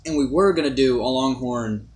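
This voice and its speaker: A man's voice: medium pitch, normal speed, background noise. A young man giving a casual, rambling amateur product review to camera, repeating himself and swearing mildly.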